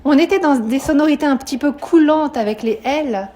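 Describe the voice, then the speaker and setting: Woman, French teacher, live classroom lesson, voice slightly high, explains and questions the students. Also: fairly quick, mellow. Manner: explanatory, questions students, frequent "hein" tags.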